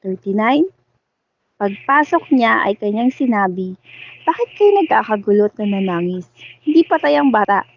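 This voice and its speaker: A woman reading Bible verses aloud in a steady, formal way at a church service. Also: mid-range voice, normal speed, a little hiss or hum. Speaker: scripture reader. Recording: muffled lo-fi sound.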